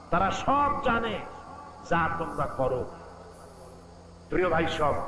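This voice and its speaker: High-voiced preacher, echoey and noisy. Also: male voice. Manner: rhetorical questions to the crowd, chants Quran verses. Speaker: Islamic preacher. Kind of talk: Bengali waz sermon.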